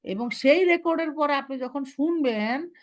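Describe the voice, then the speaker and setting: Young woman, recitation teacher, slightly high-pitched, firm, instructive, slow demonstrations. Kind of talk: online class instruction.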